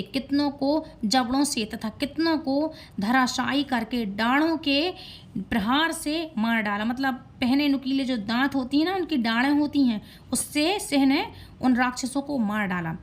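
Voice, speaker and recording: Woman reciting scripture, explaining as she goes. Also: high voice. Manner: pauses to explain words, self-corrects. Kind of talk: devotional scripture reading with explanations.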